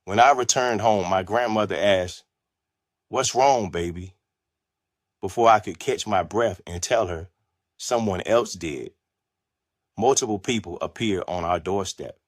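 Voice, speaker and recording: A man reading his own memoir aloud as an audiobook, telling it in a steady, measured way. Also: fairly low pitch, no room sound, clean studio sound. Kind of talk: scripted memoir narration.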